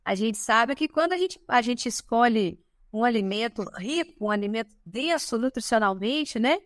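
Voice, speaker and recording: This is a casual podcast chat from a Brazilian woman in her thirties who's there as a guest. Her voice sits high and sounds bright, her manner is animated and chatty with frequent asides and tag questions, and the sound is intimate and dry without reverb.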